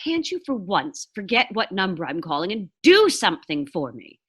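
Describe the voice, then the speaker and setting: A woman's voice: medium pitch, big pitch swings, moderate pace, husky. A woman playing a haughty, fretful married lady in a 1940s-style radio thriller, insistent, exasperated and stammering when flustered. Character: imperious, fretful, high-strung married woman.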